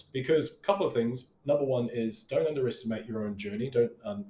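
A man speaks at a middle pitch in a casual, motivational monologue, like a business coach addressing his followers. His delivery is conversational and rambling, circling back on phrases to stress them. The room is noticeably echoey. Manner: rambling, conversational, emphatic repetition. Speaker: online business coach and host. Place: roomy space at home next to a busy motorway. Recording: echoey room beside a busy road.

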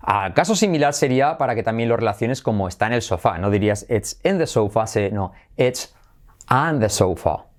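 Male teacher, energetic, bilingual lesson. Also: lowish voice, moderate pace. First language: Spanish. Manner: enthusiastic, switches between Spanish and English. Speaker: English teacher.

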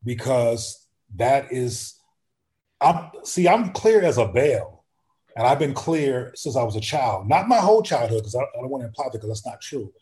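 A man's voice: mid-range voice, big pitch swings, moderate pace, darkish tone. A man speaking as an activist guest in a conversational interview, thinking aloud with frequent restarts and acting out the questions he asks.

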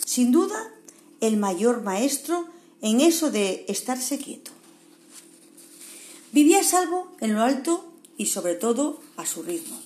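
A woman reading a rhyming children's story aloud in a gentle, expressive way. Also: fairly high pitch, takes it slowly, long pauses.

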